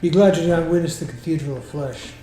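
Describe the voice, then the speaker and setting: A man playing an unruffled, worldly shapeshifting vampire in a tabletop game, speaking formally and in measured phrases. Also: a little high, dark tone, natural voice. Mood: calm, cautionary. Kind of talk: improvised tabletop role-play. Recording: roomy echo, clear music behind. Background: music.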